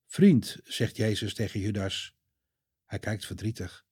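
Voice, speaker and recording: A man telling a children's Bible story in a calm, clear way. His voice is mellow and slightly husky, and the recording is dry and close with no room sound. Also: medium pitch, unhurried, dry recording.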